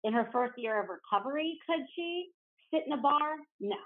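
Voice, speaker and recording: A chatty New Jersey woman, appearing as a podcast guest in a casual interview, leans heavily on "like" as she talks. Her high-pitched voice has lively intonation and a moderate pace, and the line sounds tinny, like a phone.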